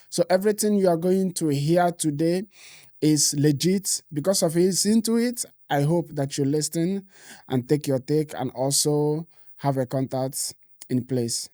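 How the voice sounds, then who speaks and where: A man hosting an interview podcast, introducing his guest and asking about his background in a friendly way, with many short affirmations. His voice sits a little high for a man but stays warm and mellow. It is recorded dry and close. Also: no echo. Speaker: podcast host. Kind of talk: casual interview.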